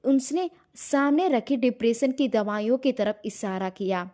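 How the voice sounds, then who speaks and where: A woman tells an emotional family drama as a scripted story, voicing each character herself. Her voice sits fairly high, and her storytelling carries deep feeling throughout. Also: a little slow, mellow. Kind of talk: scripted narration.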